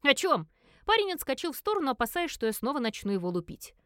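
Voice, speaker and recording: Woman narrator for a first-person audiobook: animated, fairly high, dry close sound. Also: very fast, no echo. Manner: expressive, lively storytelling.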